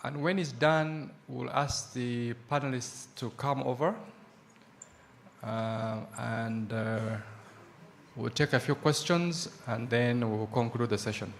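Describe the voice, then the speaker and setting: Gravelly-voiced man as a conference moderator, steady and directive, miked in a hall. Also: medium pitch, slow, a little hiss or hum. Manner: steady, directing the room with short instructions. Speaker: session moderator. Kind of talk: chairing a conference Q&A.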